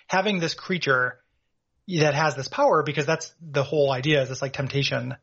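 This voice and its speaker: Guy rambling about a game on a podcast, kinda high voice, muffled lo-fi sound. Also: brisk, fairly bright tone, husky. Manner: rambling, laughs at his own jokes. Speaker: podcast co-host. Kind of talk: casual chat about a video game.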